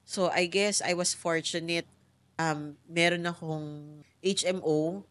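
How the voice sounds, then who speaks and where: A middle-aged woman telling her own story as a guest in a talk show interview, soft-spoken and reflective, switching into English now and then. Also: on the low side, steady tone, slow, no room sound. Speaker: interview guest, cancer survivor.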